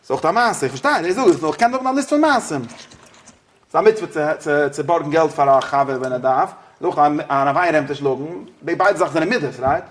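Man, fairly high voice, religious teacher, conversational study class, quizzes students, mixes in English. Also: fast talker, slight background noise. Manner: questions the students, switches into English.

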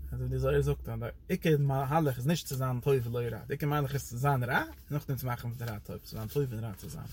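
A man's voice: fast, a little hiss or hum. A man teaching a Torah lecture in a loose, rambling way, his voice jumping up and down for emphasis. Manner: animated, pitch jumps up and down for emphasis.

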